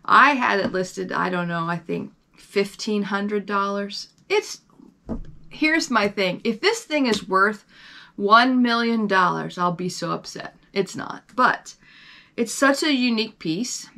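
A woman's voice: medium pitch, takes it slowly, creaky, pushed and bright. A woman hosting her own reselling vlog, chatting casually and rambling with fillers and self-corrections. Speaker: online reseller and channel host.

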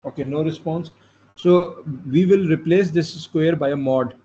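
A man's voice: on the high side, a little slow, warm tone, husky. A man lecturing patiently on programming, with many fillers and restarts, recorded with dull lo-fi sound. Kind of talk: live online lecture. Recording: dull lo-fi sound with faint noise.

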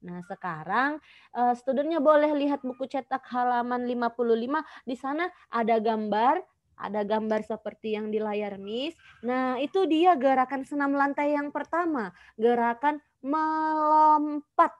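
A woman with a high voice leads a children's exercise class over a video call. She coaches like a gym instructor, giving short, encouraging commands and counting out each movement. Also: expressive, normal speed, highs cut off. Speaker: physical education teacher of young children, coaching like a gym coach.

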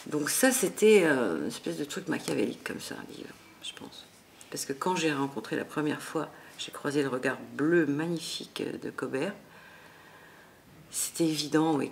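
An actress with a Southern French accent, telling lively anecdotes in an interview with many restarts. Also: female voice, a bass voice, vocal fry, slight background noise. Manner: lively, expressive storytelling with frequent restarts.

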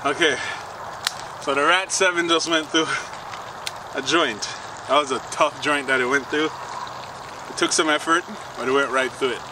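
Relaxed man talking outdoors on a distant camera. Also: on the high side, normal speed, pauses often. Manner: relaxed, chatty, addresses viewers directly. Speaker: outdoor cooking vlogger. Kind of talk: casual demo talk. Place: outdoors in winter woods. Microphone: chest-mounted action camera. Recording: distant outdoor camera mic with wind noise.

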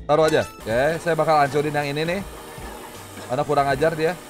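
High-voiced young man gaming over music. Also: steady tone, fairly quick. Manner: playful, exclamatory, slangy, often repeats words. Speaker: gamer, video host. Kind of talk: casual gameplay commentary. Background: game music.

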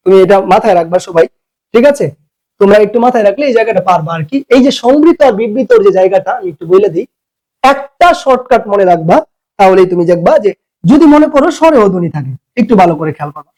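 High-voiced man teaching exam prep. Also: darkish tone, low-quality recording. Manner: coaxing, calls students "baba", repeats rules.

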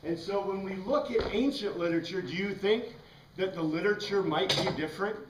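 Speaking fairly quickly in a high voice, a middle-aged teacher with an American accent rambles through an informal lecture and quizzes his students. The setting is a small classroom with bookshelves and a whiteboard. Recorded by a far-off camera, the audio is echoey, distant, and noisy.

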